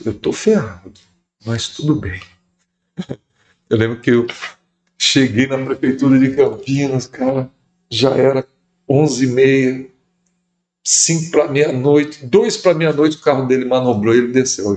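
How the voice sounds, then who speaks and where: Middle-aged guy telling a story on a podcast, acts out every quote, mid pitch. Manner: lively storyteller who acts out quoted dialogue. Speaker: bishop, guest.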